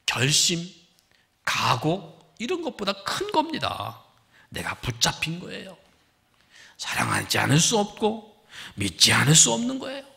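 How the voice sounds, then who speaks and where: Male pastor, church sermon; gravelly, bright, forceful, animated, drops to hushed whispers for emphasis. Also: high voice. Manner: wide swings between loud emphasis and hushed, whispered lines. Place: church sanctuary.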